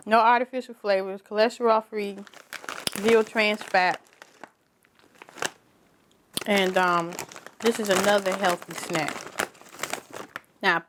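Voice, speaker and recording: A woman's voice: medium pitch, noisy background. Chatty woman reviewing snacks. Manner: chatty, tasting food while talking, trailing restarts. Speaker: vlogger. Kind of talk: casual snack review vlog.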